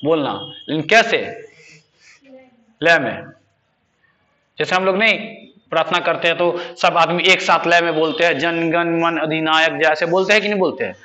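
A man's voice: a little high, normal speed, long pauses, sharp tone, dull audio. A man teaching a spoken English class, quizzing students with repeated questions. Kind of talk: classroom lesson.

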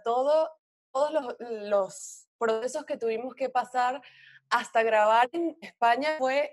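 A woman in her thirties from Venezuela with a Venezuelan accent, chatting as an actress guest in an interview and telling animated stories, quoting herself and others along the way. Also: a little high, no echo. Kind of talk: casual interview chat.

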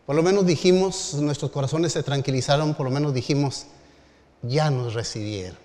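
A middle-aged man, a pastor telling a story in a sermon with measured phrasing and dramatic pauses. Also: on the high side, darkish tone. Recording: long reverb of a large hall.

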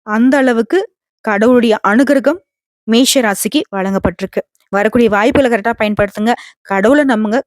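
A woman gives a devotional horoscope talk in a fairly high voice. She speaks earnestly and reassuringly, straight to her viewers. The recording is close and dry. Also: darkish tone, no room sound. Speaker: astrology channel host.

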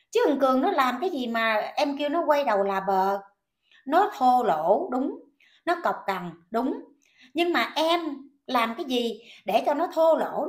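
A woman with a high voice and a Southern Vietnamese accent scolds someone in a ranting commentary vlog. She fires off repeated indignant questions and talks straight to her viewers.

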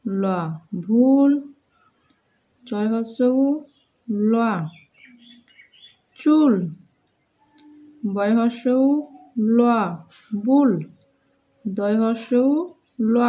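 A woman with a Bengali accent leads a children's spelling lesson. She speaks very slowly in a sing-song way, sounding out each letter and word. Her voice sits fairly high and has a soft, mellow tone. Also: low-quality recording. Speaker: teacher for young children.

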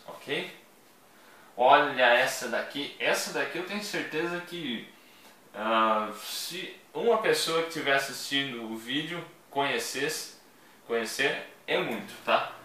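A man teaching English vocabulary in a chatty video lesson, repeating each word slowly for his learners. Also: medium pitch, bright, forceful tone, slight background noise. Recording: echoey room, voice from a distance.

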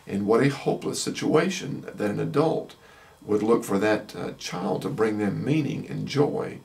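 Male chaplain, lowish gravelly voice, measured teaching pace with filler pauses, slightly off-mic. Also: distant mic. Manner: measured, explanatory, many "uh" pauses. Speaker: chaplain teaching a Bible lesson. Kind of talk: unscripted teaching talk.

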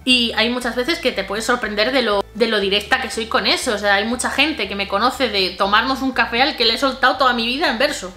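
A woman's voice: a little high, a little fast, few pauses, sharp tone, echoey room, soft background music. A woman talking candidly to her viewers in a casual vlog, swearing freely. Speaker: vlogger. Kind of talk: casual personal vlog talk. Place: by a garden.

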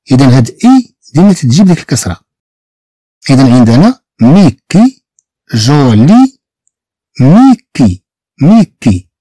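Moroccan guy teaching beginner french, says each sound over and over, mellow voice, pitch jumps around a lot. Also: dry recording. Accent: Moroccan Arabic. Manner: patient, drills sounds by repeating them slowly. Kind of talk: beginner language lesson.

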